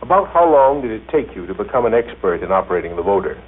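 A man interviews formally in a fast, slightly rough voice of medium pitch. It is a tinny 1930s radio recording. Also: big pitch swings.

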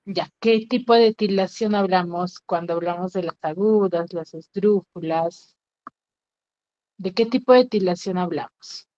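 A woman's voice: fairly low pitch, a little slow, mellow, dry recording. Woman teacher, online class, patient and questioning, dull lo-fi call audio, dry. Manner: patient, repeats questions to students. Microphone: video call.

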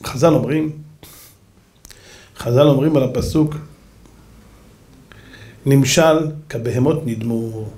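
A rabbi giving a lively sermon, telling stories and acting out the characters with shouts. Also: male voice, medium pitch, long pauses. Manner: animated, acts out voices and shouts in stories. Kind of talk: sermon with dramatic storytelling.

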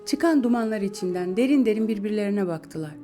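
A woman narrating a classic story in a calm, measured reading voice. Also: medium pitch, soft background music.

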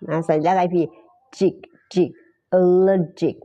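A Thai woman teaching English pronunciation in a live stream, drawing out model phrases slowly between quick explanations. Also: fairly low pitch, steady tone, dark tone, highs cut off.

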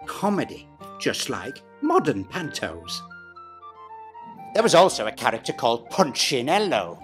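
With wildly swooping pitch and a measured pace, a middle-aged British man narrates a scripted explainer in a playful, camp pantomime-dame manner. He's seated at desk distance from the camera in a small dressing room, faint music underneath.

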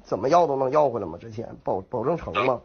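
An expressive young man from Northeast China, with a mid-range, slightly rough voice, talks quickly in a Northeastern Mandarin accent. He is a prank caller rambling on the phone with put-on innocence.

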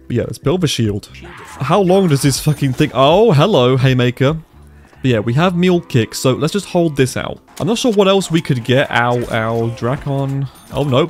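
A gaming YouTuber gives casual gameplay commentary, his medium-pitched voice stuffy and congested from a cold. He's excitable and reacts out loud to what happens in the game.

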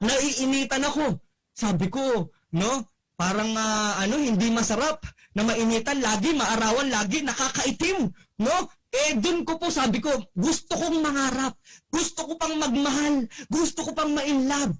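A young man giving a motivational testimonial speech, exclaiming and shouting, often tagging his lines with a questioning "no?". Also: very high-pitched, normal speed. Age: young adult. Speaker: network marketing speaker giving a testimonial.

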